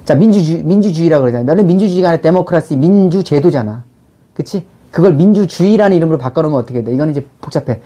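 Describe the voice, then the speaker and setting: A man's voice: a little high, lively intonation, rapid-fire, warm tone. A middle-aged man giving a casual lecture in blunt informal speech, firing rhetorical questions at his listener. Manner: acts out little quoted exchanges mid-talk. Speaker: channel host, life and money mentor.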